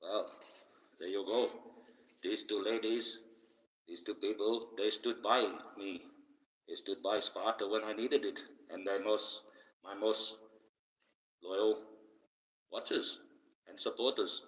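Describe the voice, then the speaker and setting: A man from Australia hosting a livestream, giving slow, musing advice through a dreamy, distant, ethereal echo effect. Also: fairly low pitch, steady tone, fairly bright tone. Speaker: livestream host playing an archangel persona. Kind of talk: casual livestream advice and chat with viewers. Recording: roomy long reverb, dull lo-fi sound.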